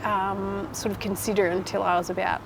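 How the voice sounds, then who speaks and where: A woman in her thirties with a Tasmanian Australian accent gives casual interview answers. Her voice has a clear creak at a middling pitch, and there is noticeable noise behind her. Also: little pitch movement, a little fast. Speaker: nurse unit manager.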